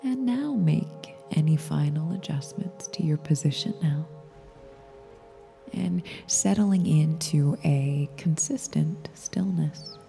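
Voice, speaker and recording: Woman, soft spa whisper, breathy, very creaky, very slow, guided meditation, gentle instruction, long reverb. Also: sits low. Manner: soothing, gentle, unhurried instruction. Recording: long reverberant echo, faint music behind.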